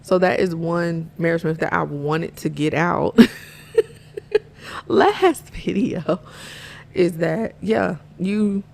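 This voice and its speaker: Slow, gravelly-voiced woman podcast host. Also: fairly low pitch, fairly even intonation. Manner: earnest, laughs often. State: out of breath. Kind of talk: casual faith-based chat.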